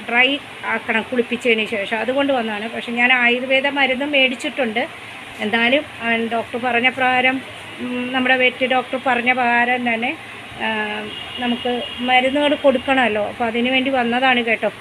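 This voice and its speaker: A woman's voice: on the high side, little pitch movement, a little fast, background noise. A woman vlogging casually about her pet dog, chatty and explaining things step by step, switching to coaxing baby talk with the dog. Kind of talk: casual vlog narration.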